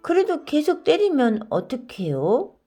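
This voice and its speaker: A woman voicing a young schoolchild in a children's storybook read-aloud, speaking in a high, childlike, pleading way. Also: wildly swooping pitch, measured pace, warm tone, exaggerated voice. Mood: sheepish. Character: young schoolchild, cheeky and sheepish.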